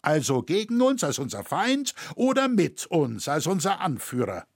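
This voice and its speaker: A man doing a brash shouting shoemaker. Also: on the high side, wildly swooping pitch, moderate pace, no room sound, studio quality, pitched above the performer's own voice, exaggerated voice. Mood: defiant shouting.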